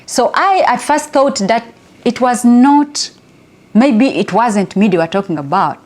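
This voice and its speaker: A middle-aged woman from Uganda with a Ugandan accent, telling a personal story as an inspirational speaker, chatty and quick to laugh. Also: on the high side. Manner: chatty, laughs often, lively.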